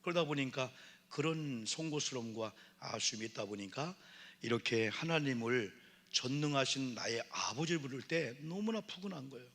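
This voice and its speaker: A middle-aged man preaches to his congregation in a chatty, familiar way and often slips into the voices of the people he quotes. His voice sits at an ordinary middle pitch. Long reverb from the church hall trails after his words. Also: lively intonation, normal speed, fairly bright tone. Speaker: pastor. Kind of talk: sermon. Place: church sanctuary.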